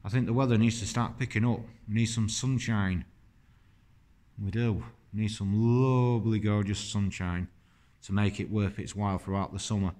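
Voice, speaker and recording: A rambling, chatty man gives a casual walking-tour commentary. His voice sits fairly low, and he talks to the camera in an easy, admiring way. He is filming on a handheld phone inside an old stone church. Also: steady tone, moderate pace, a little mellow. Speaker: vlogger.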